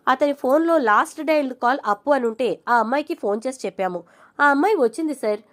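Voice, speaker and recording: A woman playing a polite hospital nurse calling with urgent news, speaking up firmly and a touch high. Her tone stays courteous but pressing. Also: natural voice. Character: polite female hospital nurse on a phone call.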